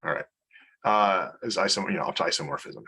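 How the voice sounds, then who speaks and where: A man's voice: low voice, brisk, vocal fry, pushed and bright, slightly rough. A man giving an informal research seminar talk on mathematics over a video call, hesitant, with many fillers and restarts. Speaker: mathematics lecturer.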